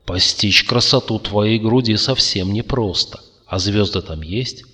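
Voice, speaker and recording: A man voicing a blunt, impatient young man who talks in a dry, deadpan way. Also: fairly low pitch, measured pace. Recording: long reverb.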